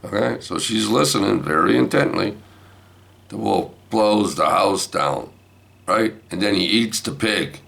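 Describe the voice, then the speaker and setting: A man's voice: fairly low pitch, a little slow, creaky, fairly bright tone. An older man telling a rambling family anecdote, repeating himself and asking "right?". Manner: repetitive, asks listeners "right?". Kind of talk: rambling storytelling.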